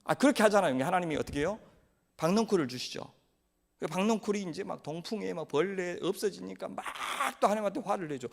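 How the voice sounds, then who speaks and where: A man's voice: sits high, quick pace, creaky. A male pastor preaching a sermon, keeping the congregation engaged by throwing questions at them. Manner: animated, quizzes the congregation with questions.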